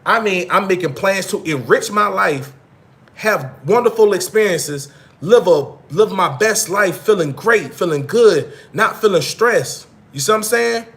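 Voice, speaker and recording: A man's voice: high voice, lively intonation, a little slow, fairly bright tone. A man in his thirties talking casually to his viewers, blunt and profane, heavy on slang and repeating points for emphasis. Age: 30s. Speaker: vlog host. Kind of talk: casual monologue to live viewers.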